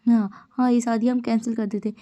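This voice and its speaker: A woman's voice: on the high side, little pitch movement, a little fast, warm tone, no room sound, lightly acted. A woman voicing a caring older brother who coaxes and teases his sibling in a fan-made story retelling. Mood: worried. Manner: fussing, coaxing.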